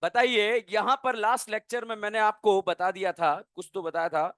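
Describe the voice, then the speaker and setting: A man teaching chemistry in a lively classroom lecture, playfully quizzing students with call-and-response questions. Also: sits high, normal speed, clear, resonant tone, no echo, studio quality.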